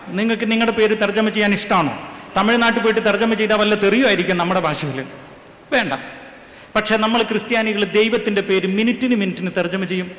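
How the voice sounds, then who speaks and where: A man's voice: high voice, a bit bright. A man preaching a sermon, firing rhetorical questions and urging the crowd to answer aloud. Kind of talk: sermon to a congregation. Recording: echoey hall with faint ambience.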